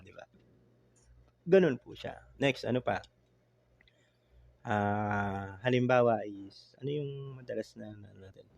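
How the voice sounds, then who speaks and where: A man's voice: lowish voice, vocal fry, darkish tone, no room sound. A man teaching Japanese grammar in a casual, chatty online lesson, mixing in English and often checking with "no?". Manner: chatty, code-switching, frequent "no?" tag checks.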